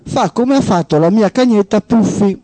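A man's voice: high-pitched, moderate pace, warm tone, dry recording, voice pushed up. A man voicing a four-year-old girl in a story he reads aloud, giving simple, matter-of-fact replies. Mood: earnest. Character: little girl of four, calm and earnest. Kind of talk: reading a story aloud on radio.

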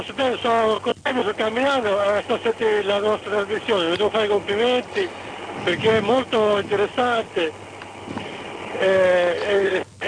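A man with a central Italian accent from Lazio, speaking haltingly and repeating words as a casual radio caller. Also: high voice. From Viterbo, central Italy. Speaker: caller, truck driver. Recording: very noisy phone call from roadside.

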